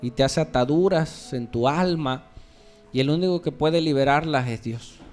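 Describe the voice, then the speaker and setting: Mexican pastor preaching, lively. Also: male voice, on the high side, normal speed, faint music behind. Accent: Mexican Spanish. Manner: lively preaching, acting out quoted voices. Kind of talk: sermon.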